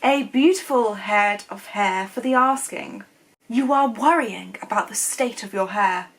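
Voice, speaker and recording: A woman voicing a posh, old-fashioned lady who reads out vintage magazine adverts with a grand, sing-song sales pitch in a posh English accent. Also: measured pace. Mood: grandly selling.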